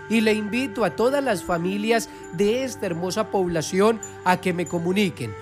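Slow high-voiced man pitching. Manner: slow, repeats phone numbers digit by digit. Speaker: spiritual healer advertising a phone line. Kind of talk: radio infomercial pitch. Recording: music bed behind.

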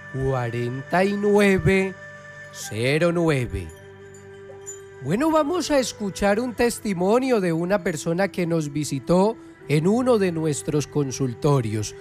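A man hosting a radio infomercial for a spiritual phone line, spelling out numbers slowly. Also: sits high. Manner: slow, repeats phone numbers digit by digit. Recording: music bed behind.

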